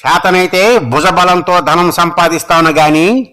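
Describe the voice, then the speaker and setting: Anguished noble king read by a man, solemn and bright-toned. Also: sits high, measured pace. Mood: grave. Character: proud grieving king, middle-aged man.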